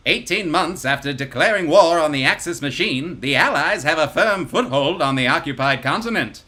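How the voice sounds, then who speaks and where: A man putting on the voice of an energetic old 1940s newsreel announcer, declaiming punchy lines with loud, stretched emphasis. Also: fairly high pitch, normal speed. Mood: rousing. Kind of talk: old newsreel narration, comic table read.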